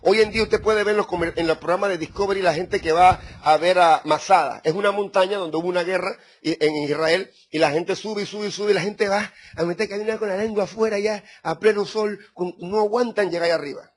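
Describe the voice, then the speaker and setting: A man's voice: high voice, brisk, few pauses. A middle-aged man preaching a sermon, speaking directly to his congregation with rising emphasis. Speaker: pastor.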